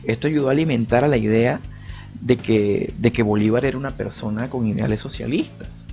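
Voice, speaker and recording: A young man with a Venezuelan Spanish accent speaks in a loose, conversational commentary style, restarting his phrases and tossing in slang. His voice sits at an average pitch for a man. Soft music plays faintly underneath. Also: a little fast. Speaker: political YouTuber. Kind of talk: casual opinion commentary.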